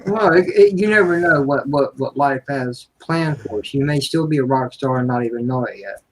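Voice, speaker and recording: A man hosts an easygoing conversation. His voice sits at an ordinary mid pitch. He asks his questions haltingly, restarting them and filling the gaps with "uh" and "you know.". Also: lively intonation, slight background noise, rough recording. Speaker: host. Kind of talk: casual chat.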